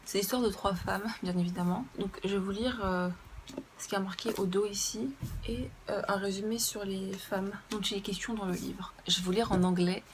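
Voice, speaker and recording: A woman's voice: mid-range voice, fairly even intonation, normal speed, slight background noise, poor audio. A young woman chatting casually and enthusiastically about her new books, with frequent fillers. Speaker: book vlogger. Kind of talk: casual book haul chat.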